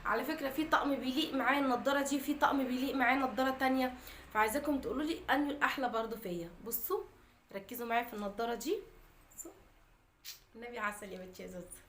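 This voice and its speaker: A woman's voice: a little high, rapid-fire, a bit bright, a little hiss or hum. A woman with an Egyptian Arabic accent, chatting casually to her viewers in a daily vlog. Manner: chatty, talks straight to viewers. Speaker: vlogger.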